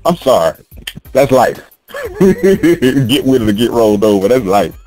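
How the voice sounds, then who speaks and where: A man's voice: mid-range voice, very animated, unhurried, darkish tone, soft background music. A man hosting a casual podcast chat, talking in a rambling, emphatic and profane way and laughing often. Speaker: podcast host.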